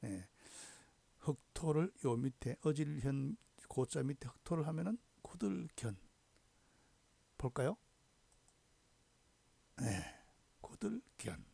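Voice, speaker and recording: A man teaching Chinese characters in a slow, deliberate lecture, often dropping in a short affirming "ye" between points. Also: mid-range voice, very animated, vocal fry, dark tone, slightly rough. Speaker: hanja teacher. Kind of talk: recorded lecture.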